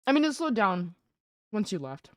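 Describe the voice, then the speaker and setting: A woman's voice: mid-range voice, big pitch swings, moderate pace, no echo. A young adult woman streaming live, chatting casually with her chat while gaming and greeting viewers by name.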